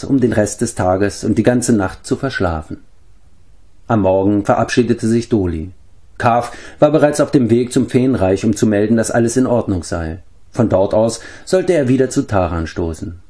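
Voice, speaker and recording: A man narrating a storybook in a calm, measured way. His voice sits low and steady through the reading. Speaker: audiobook reader.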